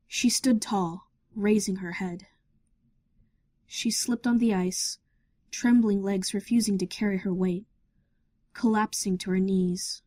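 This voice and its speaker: A woman narrates a dramatic story in a medium-pitched, darkish voice, with very slow and measured delivery. The recording is dry, with no room sound.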